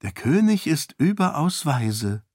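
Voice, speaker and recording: A man's voice: fairly high pitch, big pitch swings, a little slow, darkish tone, no room sound, pitched above the performer's own voice. A sly young noblewoman, as a man puts her on in a lifted voice. She sounds coy and innocent, and the sound is dry and close, like a storybook read in a studio.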